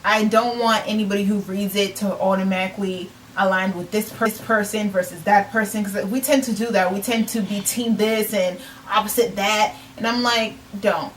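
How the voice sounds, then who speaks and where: A woman's voice: mid-range voice, steady tone, normal speed, hardly any pauses, far from the mic, a little hiss or hum, low-quality recording. A woman in her twenties from the United States, talking casually about her writing in an earnest, reflective way, repeating phrases for emphasis. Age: 20s. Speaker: self-published author. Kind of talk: casual vlog talk.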